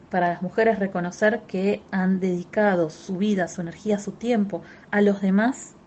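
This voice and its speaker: A woman's voice: medium pitch, darkish tone, muffled recording, a little hiss or hum. A woman therapist with a Rioplatense Spanish accent, giving an emphatic explanatory talk that addresses listeners directly and repeats key phrases.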